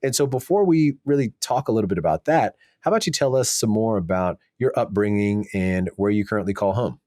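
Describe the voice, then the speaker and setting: A podcast host conducts a conversational interview in an easygoing manner, dropping casual fillers like "you know." His fairly low voice is animated, brisk and warm, with studio-quality sound and no room sound.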